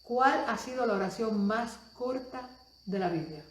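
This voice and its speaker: Woman preacher with a higher voice. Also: lively intonation, unhurried, roomy sound. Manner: dynamic, swings from soft asides to loud exclamations; rhetorical questions to the audience. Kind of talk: sermon.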